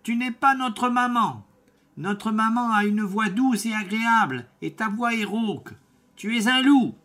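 A man voicing a group of defiant young goat kids who shout back at the door. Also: sits high, expressive, a little slow, pitched above the performer's own voice, full character voice. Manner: shouting in unison.

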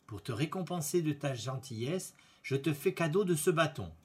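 A man voicing an old woman who turns out to be a kindly fairy, speaking slowly in a hushed, solemn way. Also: on the high side, lively intonation, breathy edge.

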